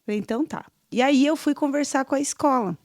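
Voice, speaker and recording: A woman's voice: high-pitched, fast talker, no echo, studio quality. A woman who hosts a clinic podcast, talkative and telling stories from her work. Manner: chatty, storytelling. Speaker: podcast host, clinic professional. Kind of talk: podcast interview.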